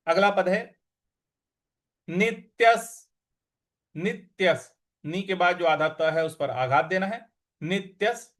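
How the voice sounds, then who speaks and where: A man teaching Sanskrit recitation, chanting verses slowly and drawn out, then explaining patiently and briskly. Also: a little high. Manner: patient, instructive. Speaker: scripture teacher.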